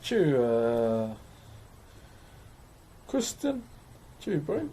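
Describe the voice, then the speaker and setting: This livestream host, a man with a broad Kiwi accent, talks extremely slowly as he carves, his slightly high, dark voice swooping wildly in pitch. He chats casually and matily with viewers over clearly noisy background ambience.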